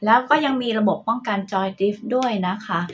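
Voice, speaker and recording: Woman vlogger, slightly high pitch, chatty and polite, casual product review with faint music behind. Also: fast talker. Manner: polite, chatty, ends nearly every phrase with soft polite particles. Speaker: vlogger reviewing a game controller.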